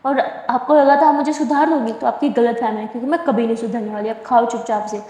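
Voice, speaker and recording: A woman's voice: fairly high pitch, steady tone, quick pace, dark tone, lightly acted. A woman voicing a tough, brusque young biker woman who talks in a curt, bossy, teasing way, in an echoey room. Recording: echoey room with long reverb.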